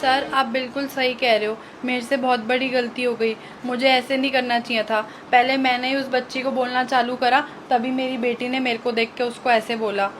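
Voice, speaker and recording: A woman's voice: fairly high pitch, flat delivery, moderate pace, few pauses, a bit bright, natural voice. A woman acting as a snobbish mother who sneers at a poor girl, then pleads with a tutor, in a short drama skit. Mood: pleading. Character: snobbish scolding well-off mother.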